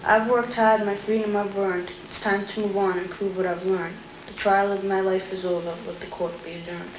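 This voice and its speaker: A nineteen-year-old woman reciting her own poem and reading records aloud in a plain, earnest way, with some halting restarts, heard from a worn VHS tape copy. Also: medium pitch, level tone. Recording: hissy worn videotape copy.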